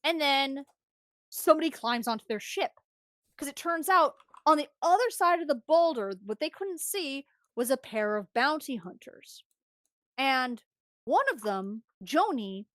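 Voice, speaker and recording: High-pitched woman streamer chatting, lots of restarts, dry close sound. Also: no room sound. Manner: animated, rambling, frequent restarts. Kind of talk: casual storytelling recap.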